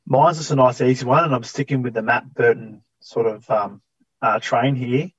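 A man's voice: mid-range voice, steady tone, moderate pace, slightly rough, no room sound. Male co-host, hesitant and easygoing, dull glitchy remote audio, dry. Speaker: podcast co-host. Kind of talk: casual sports fantasy chat. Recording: dull remote audio that turns robotic at times.

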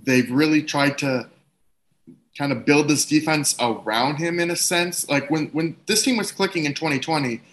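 A man's voice: a little high, normal speed, a bit bright. A man giving casual sports analysis as a panelist, in a tentative, hedging way. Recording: faint background ambient noise.

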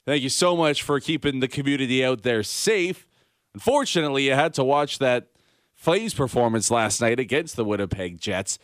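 A man's voice: medium pitch, expressive, moderate pace, dry recording, studio quality. A Canadian man hosting a sports podcast, talking in a breezy, slangy, conversational and upbeat way. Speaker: podcast host.

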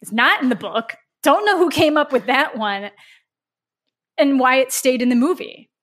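A woman's voice: sits high, expressive, moderate pace, a bit bright. A woman co-hosting a podcast, chatting casually about a movie, laughing often and swearing while she mocks it. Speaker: podcast co-host. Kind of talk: casual movie review chat.

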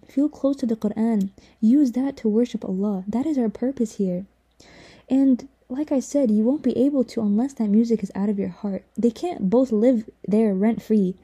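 A woman's voice: a little high, warm tone, breathy edge. A young woman hosting a casual religious podcast, talking earnestly and full of "like" and "you know". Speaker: podcast host.

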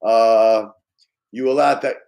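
A man's voice: on the low side, steady tone, slow, a little mellow. An older or middle-aged man with a Brooklyn accent, casually reminiscing as an interview guest in a streetwise, loosely phrased way. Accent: Brooklyn New York. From Brooklyn, New York. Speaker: interview guest, retired police detective.

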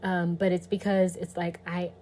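A woman's voice: on the low side, little pitch movement, moderate pace, warm tone. A woman in casual conversation, talking in a reflective way and filling her speech with "you know" and "like".

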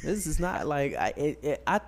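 A man's voice: fairly high pitch, big pitch swings, normal speed, vocal fry, crowd noise. A man co-hosting a podcast, telling stories in a dry, nonchalant way and laughing often. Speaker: podcast co-host. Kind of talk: casual chat.

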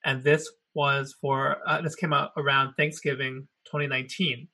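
With a mid-range voice that sounds pushed and bright yet delivered flatly at normal speed, this podcast co-host chats casually on a talk show. He tells a rambling story, keeps self-correcting, and laughs frequently.

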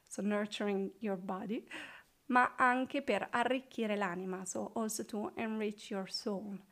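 Slow, careful woman teaching a language. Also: mid-range voice. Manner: reads slowly and clearly, then translates each phrase. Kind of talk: bilingual reading lesson, Italian text with English explanation.

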